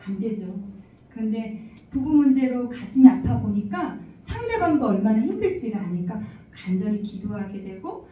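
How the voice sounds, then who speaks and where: A woman's voice: fairly high pitch, sing-song, normal speed, dark tone. Earnest woman testifying in an echoey church hall. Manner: earnest storytelling, acting out dialogue. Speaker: church member giving testimony. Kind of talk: personal testimony to a congregation. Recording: echoey hall, distant mic, dull lo-fi sound.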